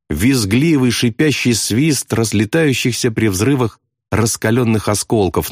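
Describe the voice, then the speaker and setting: A man reading a war novel aloud at a middle pitch, his telling steady and dramatic. The recording is close and dry, with no room sound. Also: no room sound. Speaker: narrator. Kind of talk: audiobook narration.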